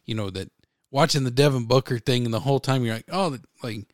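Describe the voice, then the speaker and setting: A young man talks casually on a podcast in an easygoing, laid-back way. His voice is at a medium pitch for a man, and the sound is dry and close. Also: fast, no echo. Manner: relaxed, laughs along, chats about bets. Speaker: podcast co-host.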